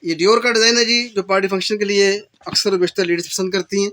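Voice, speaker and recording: Bright-voiced Pakistani shopkeeper man. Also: sits high. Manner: brisk listing of colors and prices. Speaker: shopkeeper presenting handbags. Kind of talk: sales pitch for a shop video. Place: indoor bag shop.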